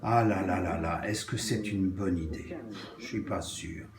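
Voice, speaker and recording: A man's voice: sits low, unhurried, roomy sound, noisy background. A man narrating his video diary at home in a wistful, self-mocking way. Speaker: vlogger.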